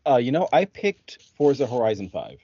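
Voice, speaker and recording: Lively-pitched man chiming in. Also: breathy edge, dry recording, muffled recording. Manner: chimes in with quick comments. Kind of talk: casual chat.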